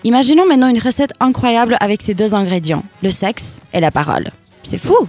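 Woman, host, slightly high voice, addresses listeners, leads the talk, faint music behind. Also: big pitch swings, fairly quick, a little mellow. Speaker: podcast host. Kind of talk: scripted monologue then group chat.

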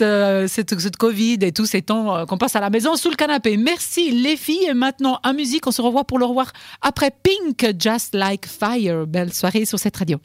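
A woman's voice: a little high, no room sound, studio quality. A woman hosting a radio quiz, teasing her guests and laughing often. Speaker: radio host. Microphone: studio microphone.

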